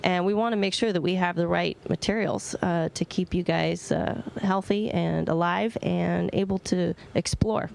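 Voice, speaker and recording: A woman's voice: on the low side, fairly even intonation, normal speed, creaky, few pauses, a little mellow. A woman astronaut giving informal, plain-spoken answers to students over a space-to-ground radio link. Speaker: astronaut answering questions from orbit. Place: aboard a space station.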